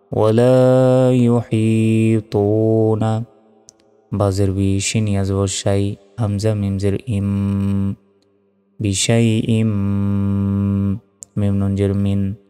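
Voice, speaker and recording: A man teaching Quran reading spells out the letters slowly and patiently, in a low, smooth voice. His tone is mellow and mostly flat. The sound carries a long reverb, with faint music underneath. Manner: slow, drawn-out teaching with melodic chanting of verses. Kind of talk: spelling out Arabic letter by letter, then chanted recitation.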